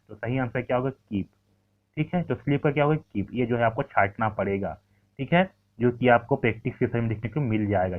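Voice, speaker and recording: A man teaching an English lesson, explaining words step by step and checking in often with his students. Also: medium pitch. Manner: repetitive, checks in with "ठीक है" often. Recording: tinny phone-like lo-fi sound.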